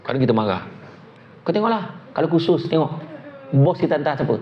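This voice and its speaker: Animated joking Malaysian preacher man. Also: brisk. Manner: animated and joking, acts out quotes in high voices. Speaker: motivational preacher. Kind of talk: humorous motivational lecture. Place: event hall at a public library. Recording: dull lo-fi live recording with background noise.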